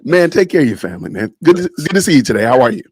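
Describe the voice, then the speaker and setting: A man's voice: mid-range voice, big pitch swings, rapid-fire, darkish tone, breathy edge, dry recording. A man hosting a live stream podcast, casual and joking, often saying "man" and "y'all", talking over a video call. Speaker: podcast host.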